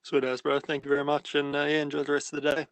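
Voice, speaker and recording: A man's voice: on the high side, monotone, rapid-fire, a bit bright, clear, resonant tone, no room sound. A man with a New Zealand accent, a sports reporter asking questions in a casual, matey style.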